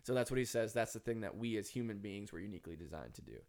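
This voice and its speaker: A man's voice: lowish voice, animated, fast talker, a little mellow. Earnest man with a Minnesota accent. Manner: earnest, philosophical, emphatic. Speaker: author guest. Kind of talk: reflective podcast conversation.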